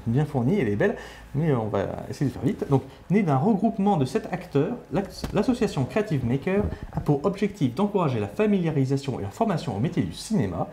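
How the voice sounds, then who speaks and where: Guy cohosting a film chat show, dark mellow voice, lots of euh and restarts. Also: a little high, a little hiss or hum. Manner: hesitant, many fillers and restarts. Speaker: co-host.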